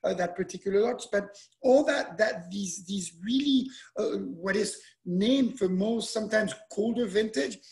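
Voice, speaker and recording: A man in his forties who grew up in Switzerland, a winemaker talking casually over a webcam, animated and given to repeating words. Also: high-pitched, measured pace. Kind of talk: casual talk over video call. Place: indoor room with wine bottles and shelves. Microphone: webcam at close range.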